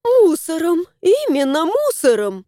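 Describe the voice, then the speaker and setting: A woman voicing a fussy, house-proud middle-aged woman in a storybook, shrill and indignant. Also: wildly swooping pitch, a little slow, dark tone, no echo, studio quality, heavily acted.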